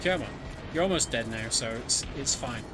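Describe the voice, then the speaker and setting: With music playing in the background, a man with a mid-range voice and lively intonation talks at a moderate pace. He's narrating a video game's story as he speedruns it, in an easygoing, explanatory manner.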